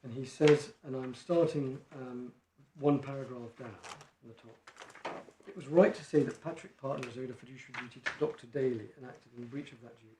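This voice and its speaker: A barrister making a measured legal argument in court, reading quoted passages from judgments. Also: male voice, mid-range voice, fairly even intonation. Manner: measured, reads quotations from case law. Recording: echoey courtroom, faint noise.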